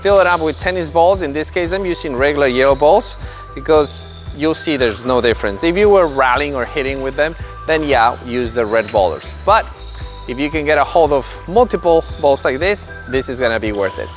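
Coaching kids on a large indoor tennis court, a man in his thirties with a fairly high voice narrates an instructional video over faint music. He's expressive and fairly quick, shifting between explaining drills to parents and calling out upbeat, encouraging instructions to the children.

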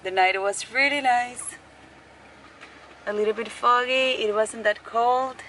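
A woman's voice: a little high, measured pace, sharp tone, slight background noise. Bubbly young woman vlogging at arm's length. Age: young adult. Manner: cheerful, laughs often, simple non-native phrasing. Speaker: travel vlogger. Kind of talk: casual vlog talk to camera. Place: outdoors on a beach and coast, and inside a van. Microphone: handheld camera at arm's length. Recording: music playing over the voice.

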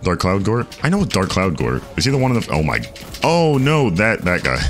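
A man streaming a game, chatting casually, reading chat aloud and thinking out loud. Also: on the low side, huge pitch swings, moderate pace, faint music behind. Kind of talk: casual gameplay commentary.

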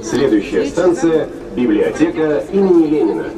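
Man announcing stations over a train loudspeaker. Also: on the high side, recorded from a distance, a crowd in the background. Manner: calm, measured, formal. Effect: played over a train loudspeaker. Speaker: metro announcer. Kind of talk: recorded transit announcements. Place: moving metro train car. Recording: echoey loudspeaker inside a noisy train car.

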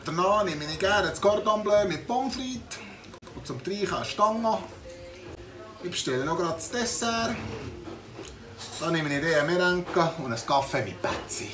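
A man's voice: high voice, normal speed, pauses often, over music. A man in his thirties from Zurich with a Zurich Swiss German accent, playing a boastful city tourist in a comedy sketch, mostly filmed outdoors. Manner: boastful, lively, asks eager questions. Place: outdoors on ski slopes and in a village.

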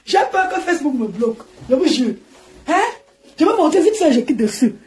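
Woman, high voice, very animated pitch, mocking live-stream rant, laughs often, phone mic. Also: brisk.

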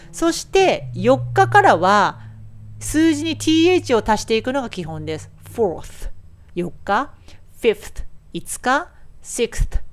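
A middle-aged woman teaching English in Japanese, explaining phrases patiently step by step and modeling English lines slowly. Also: on the high side, clean tone.

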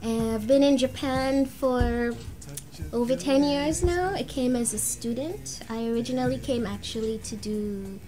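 A woman's voice: on the high side, measured pace. A woman from Trinidad and Tobago, a singer guest on a radio talk show, speaking in an articulate, flowing way. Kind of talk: casual talk show self-introduction. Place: small radio studio. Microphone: studio mic with headphones. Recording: music playing in the background.

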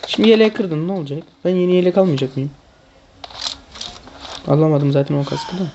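A woman's voice: low voice, quick pace, muffled recording, background noise. A woman streaming a mobile shooter, chatting casually and teasing her friend in exasperated slangy banter. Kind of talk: casual gaming chat with a friend.

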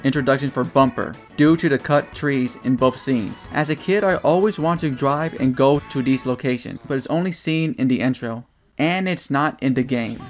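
A man's voice: medium pitch, normal speed, soft background music. A young man narrating a gaming trivia video in a casual, wry way, with sarcastic asides.

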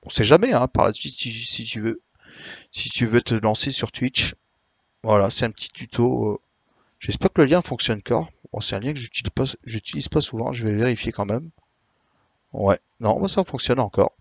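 A man streaming live, chatting casually with viewers, a bit tired, explaining slowly with many hesitations. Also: mid-range voice, animated, creaky, slightly rough, no room sound. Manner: hesitant, many "euh" and restarts, friendly explaining. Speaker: Twitch streamer.

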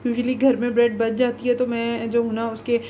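Explaining a recipe step by step in her home kitchen, this young cooking channel host keeps things chatty and homely with plenty of fillers. She speaks briskly in a fairly high, warm voice with level intonation, over a faint hiss or hum.

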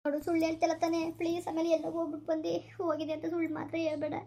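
A woman's voice: very high voice, monotone, rapid-fire, vocal fry, warm tone. A woman playing a desperate young woman who pleads tearfully and keeps repeating herself in a village comedy skit. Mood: pleading, tearful. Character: desperate young woman betrayed by her lover.

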